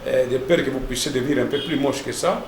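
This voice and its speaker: Pastor teaching in an echoey room. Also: male voice, medium pitch, fast talker, noisy background. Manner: didactic, repeats words and tags lines with "hein" and "n'est-ce pas".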